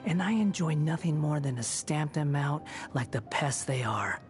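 A man's voice: a little high, lively intonation, natural voice. Man voicing aloof, sardonic young Scaramouche, game music behind. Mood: menacing, resolute. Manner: cool, sardonic, deliberate. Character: aloof, cynical young man, proud former villain. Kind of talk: video game dialogue acting.

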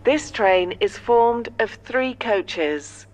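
A woman's voice: on the high side, expressive, drawn-out words, darkish tone, rough recording. A woman's recorded station announcement voice, built from spliced-together words with jumpy volume between them.

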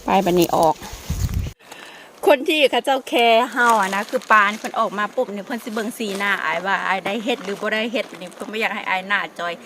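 A woman's voice: mid-range voice, quick pace, a bit bright, slight background noise. A woman from Sakon Nakhon with a local Isan accent, chatting casually to viewers as she explains things while foraging outdoors in a forest. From Sakon Nakhon, northeastern Thailand. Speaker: vlogger. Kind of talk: casual vlog commentary to viewers.

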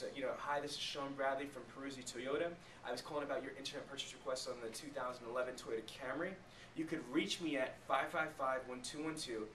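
A man in his thirties, his voice mid-range and a bit bright, gives an emphatic sales training talk to a small group, often pausing for rhetorical check questions. He's in a small meeting room with a flip chart. A camera mic a few metres off catches an echoey room and faint noise.

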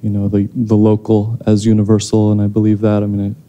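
A man's voice: on the low side, completely flat delivery, brisk, warm tone, lo-fi sound. A man in his thirties answering audience questions after a screening, speaking into a handheld mic on a theater stage, thoughtful and hesitant with many restarts. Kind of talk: post-screening Q&A.

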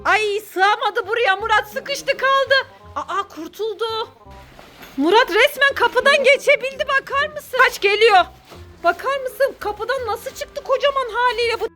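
A woman hosting a game channel, narrating her play in an excitable, shrieking, giggly way. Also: very high-pitched, a little slow, soft background music. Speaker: game player and host. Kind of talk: narrating a game while playing.

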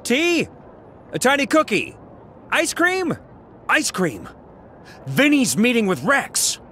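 A man's voice: very high-pitched, wildly swooping pitch, slow, bright, forceful tone, a little hiss or hum, full character voice. An actor voicing an eager, bumbling young male police officer in a kids' cartoon.

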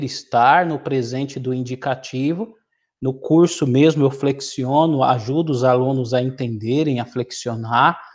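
Slow, deliberate male Greek teacher. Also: fairly high pitch, a little mellow. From Brazil. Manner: slow, deliberate reading of word lists with explanations. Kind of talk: vocabulary lesson.

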